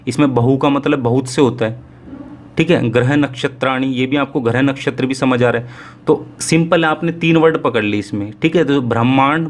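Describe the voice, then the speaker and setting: Friendly man explaining step by step. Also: mid-range voice. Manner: friendly, repeats "ठीक है" often, slows to read Sanskrit aloud. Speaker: exam prep teacher. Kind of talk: casual Hindi exam-prep lesson.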